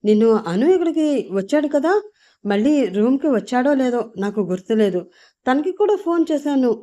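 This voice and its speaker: A man's voice: extremely high pitch, lively intonation, a little fast, warm tone, pitched above the performer's own voice. A woman voicing a caring, anxious young man in a narrated audio story, asking urgent questions. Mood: alarmed.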